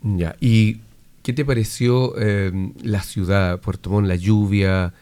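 A man's voice: on the low side, fairly even intonation, takes it slowly, dark tone, clean tone, no room sound. A man hosting a weekly radio interview, friendly and conversational as he asks his guest questions. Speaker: radio host.

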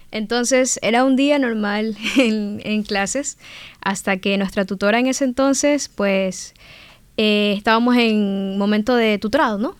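A woman's voice: mid-range voice, smooth, no echo. A young Ecuadorian woman in her twenties, a cheerful exchange student who laughs often while answering radio interview questions. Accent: Ecuadorian Spanish. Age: 20s.

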